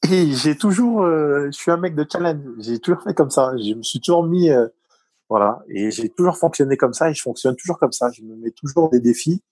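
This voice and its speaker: Husky-voiced Parisian man, halting speech. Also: fairly high pitch, animated, darkish tone, no echo, low-quality recording. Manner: hesitant, many fillers and restarts. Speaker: guest, former top-level athlete. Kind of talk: conversational interview.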